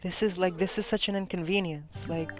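A young woman hosting a gameplay video, chatting casually and excitedly, often repeating herself. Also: fairly low pitch, fairly quick, over music. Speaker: let's play host.

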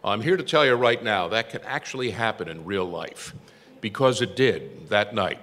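Older male speaker at a tribute, wry anecdotal storyteller, forceful lowish voice, reverberant hall sound. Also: normal speed. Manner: storytelling, self-deprecating humor. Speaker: tribute speaker, former newsroom copy boy. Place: event hall. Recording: echoey hall with long reverb.

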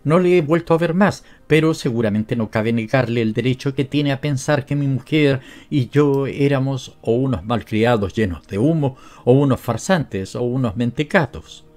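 A man with a Latin American Spanish accent giving a measured, expressive literary narration. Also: mid-range voice. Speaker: audiobook narrator.

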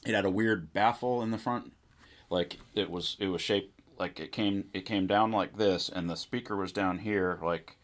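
A middle-aged man with a low voice sits at a table in a small indoor music studio, casually telling stories from his musician days. He speaks at a moderate pace in a chatty way.

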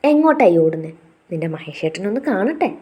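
A woman voicing a caring young husband who speaks softly and coaxingly. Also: mid-range voice, sing-song, fast talker, slightly rough. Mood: teasing. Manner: soft, coaxing.

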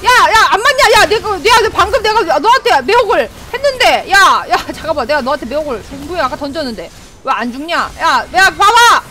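A woman's voice: extremely high pitch, brisk, noisy background. A woman streaming a game, reacting with yelps, laughs and running commentary as she plays. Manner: animated, yelps and laughs, talks to the screen. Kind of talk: excited gameplay commentary.

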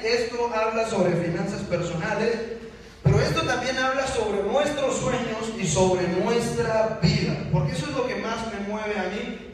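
A man giving an energetic live motivational talk, often turning to question the audience. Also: high voice, a little hiss or hum. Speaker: motivational speaker. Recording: echoey hall from far off.

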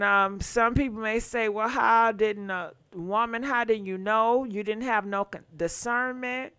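A woman's voice: fairly high pitch, sharp tone, clear, resonant tone, no echo. A woman hosting a gossip channel, chatting casually to her viewers and asking what they think. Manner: chatty, asks viewers questions.

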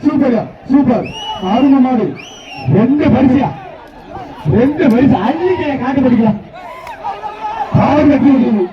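Announcer over a loudspeaker: high, strained shouting man, distant echoey PA sound. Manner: shouted rapid-fire calls, repeats words. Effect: heard through a public address loudspeaker. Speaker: bull-taming event announcer. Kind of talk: live event commentary over loudspeaker. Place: outdoor arena with a crowd. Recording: distant echoey loudspeaker, muffled, crowd noise.

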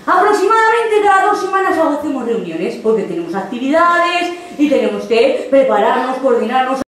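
Young spanish woman doing stand-up, sarcastic and animated, high voice, echoey hall, mic far off. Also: moderate pace, a little hiss or hum. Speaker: youth group monitor doing a monologue. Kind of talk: stand-up comedy monologue. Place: theatre stage with live audience.

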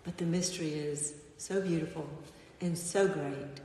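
In a church sanctuary, a female pastor delivers a gentle, unhurried sermon, often pausing between phrases, her slightly low voice keeping a fairly even intonation. The mic sits well back, so her words carry a long, echoey reverb, with a faint room hum lingering behind her.

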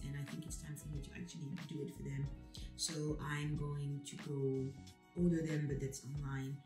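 A woman's voice: deep voice, a little mellow, reverberant, low-quality recording. A young woman chatting casually to camera in a rambling, self-deprecating way, with many fillers. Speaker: vlogger. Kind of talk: casual vlog chat to camera.

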